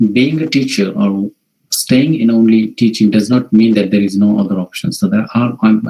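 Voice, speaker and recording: A man from India, a native Marathi speaker with a Marathi accent, gives an informal online presentation in a halting way, often repeating and rephrasing. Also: lowish voice, warm tone, poor audio. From Maharashtra, India. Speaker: workshop presenter. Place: video call.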